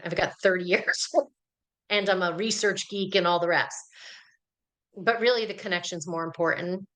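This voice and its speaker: Bright-voiced woman leading an online workshop. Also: fairly low pitch, rough recording. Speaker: workshop presenter. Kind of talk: live online workshop talk.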